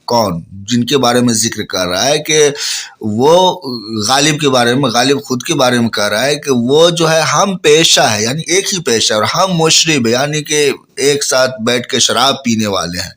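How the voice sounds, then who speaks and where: A man teaching a ghazal. He recites each couplet slowly, then explains it plainly to his listeners, and has a bit of a cough. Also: mid-range voice, lively intonation, a bit bright. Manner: addresses listeners as friends. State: coughing, slightly hoarse. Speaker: Urdu poetry teacher.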